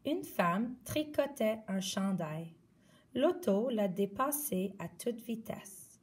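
Woman, children's story read-aloud, slow, distant mic. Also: mid-range voice, expressive, husky. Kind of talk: reading a children's picture book aloud.

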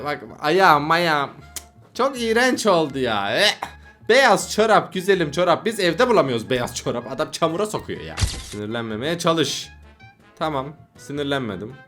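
A young man giving casual reaction commentary on videos, exasperated and laughing often. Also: a little high.

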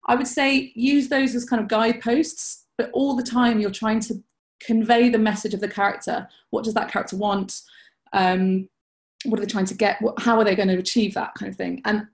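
A young adult woman answering audience questions in a casual webinar talk, earnest and chatty, with frequent fillers and restarts. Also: mid-range voice. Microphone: video call.

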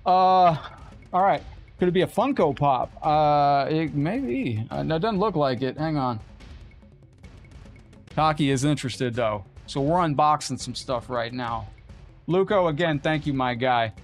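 A man live-streaming a game, chatting casually with viewers and his cat and getting excited during an unboxing. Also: on the high side, measured pace, soft background music.

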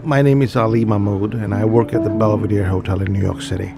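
Gravelly-voiced man speaking over a music bed. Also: on the low side, steady tone, quick pace. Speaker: hotel employee. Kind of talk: interview.

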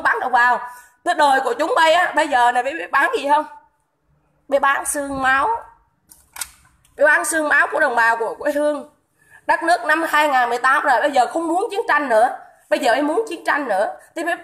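High, bright-voiced woman ranting angrily. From Vietnam. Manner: shouting insults, coarse swearing, repetitive. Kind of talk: angry livestream rant.

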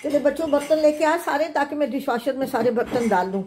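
Expressive and mellow, with a high voice, this grandmother from Pakistan talks fast while doing housework in her kitchen for her cooking vlog. She chats away and calls out to the children; slight background noise mixes with the clatter of dishes and cutlery.

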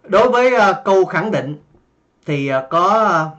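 A man teaching an English lesson, explaining slowly with many fillers and repeating example questions with a rising tone. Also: sits high, lively intonation, a bit bright. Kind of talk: recorded online lesson. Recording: dull lo-fi recording.

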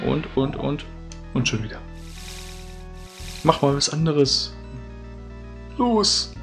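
A man giving gameplay commentary, eagerly urging the game on with quick repeated calls. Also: fairly high pitch, lively intonation, gravelly. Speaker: let's play gamer. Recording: loud game music behind.

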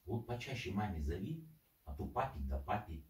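A man's voice: low voice, big pitch swings, normal speed, a little mellow. A man chatting casually to his pet, in a teasing, coaxing manner. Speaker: parrot owner. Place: indoor room, off camera. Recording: echoey room, distant microphone.

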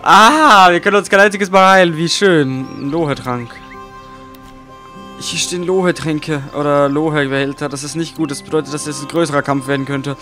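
A man giving casual commentary over his own gameplay. He is excitable, swears often, and swings between quiet mumbling and loud outbursts. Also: on the high side, moderate pace, faint music behind. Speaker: let's play gamer.

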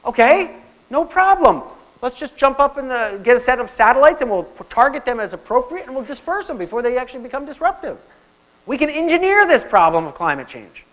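A man's voice: a little high, a little fast, few pauses, close to an everyday voice, low-quality recording. A man voicing an overconfident male tech entrepreneur who brags that technology can fix anything. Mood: boastful. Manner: boastful, rising with excitement.

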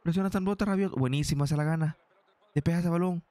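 A young man doing excitable play-by-play of his own football video game match for viewers. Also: a little high, brisk, dry recording. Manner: excitable, addresses viewers as "señores", shouts at big chances. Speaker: gaming YouTuber.

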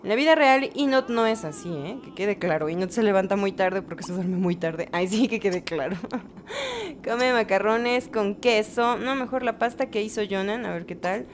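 A woman talks through her game in a casual, chatty let's-play style. She keeps addressing her characters directly and breaks into excited exclamations now and then. Her pitch sits in an ordinary middle range, and a faint noise stays in the background. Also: normal speed. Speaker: gaming channel host.

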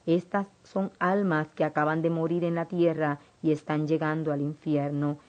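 A woman reading aloud the lines of Jesus, a tender, loving grown man, in her own low voice, on a dull lo-fi recording. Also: level tone, moderate pace, a little mellow, lightly acted. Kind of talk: scripted book reading.

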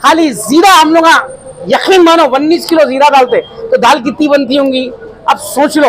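A young man with a Hyderabadi Hindi-Urdu accent, a restaurant owner, delivers a comic, over-the-top pitch for his food court into a cluster of handheld news mics inside a crowded little eatery. His voice is extremely high and a bit bright, theatrical and exaggerating, with stretched-out words. The audio quality is poor.

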